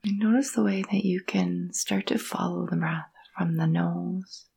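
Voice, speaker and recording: Guiding a yoga nidra meditation, this woman speaks in a soft, breathy voice of fairly low pitch, with a gravelly creak around the edges. Her intonation remains gentle and quite even, and she delivers hushed, soothing phrases broken up by long pauses.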